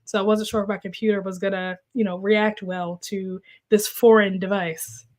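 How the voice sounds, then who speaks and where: Her voice is medium-pitched and darkish, her delivery flat and moderately paced. A young woman hosting a casual livestream from home on a desk microphone, she reads and reacts to viewer comments in a chatty, filler-laden way, sounding congested and a little coughy after being sick.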